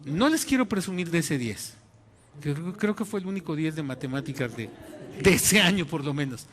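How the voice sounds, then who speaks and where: A man with a Mexican accent, a pastor preaching a sermon and telling a personal story in an animated way, acting out the voices in it. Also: on the high side, moderate pace. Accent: Mexican Spanish.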